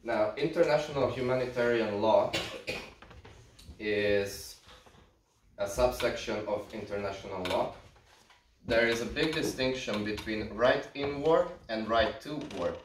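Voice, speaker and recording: A man from Hungary in his thirties giving a guest lecture to a class, relaxed and explaining steadily with dry humour. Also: medium pitch, unhurried. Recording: echoey classroom from far off, faint hiss.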